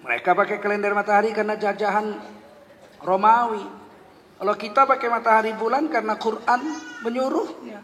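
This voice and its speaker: A man with a notably high speaking voice delivers a sermon. He tells a funny anecdote and acts out both sides of the dialogue. His voice rings through a long hall reverb over a faint background hiss. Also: steady tone, brisk, fairly bright tone. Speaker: Islamic preacher. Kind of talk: humorous sermon storytelling.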